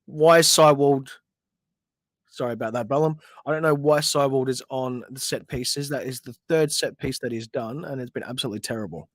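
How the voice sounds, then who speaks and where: During a casual livestream football watch-along, an Australian podcast host chats, reads viewer questions and vents at players. He speaks briskly at a medium pitch, with no echo on the recording.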